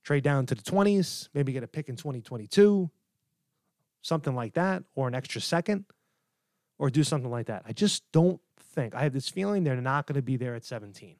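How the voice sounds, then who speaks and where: A man's voice: medium pitch, lively intonation, a little fast, darkish tone, dry recording, studio quality. Emphatic man hosting a sports podcast. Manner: emphatic, repeats points for stress. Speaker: podcast host. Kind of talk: casual sports podcast monologue. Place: home, at a table.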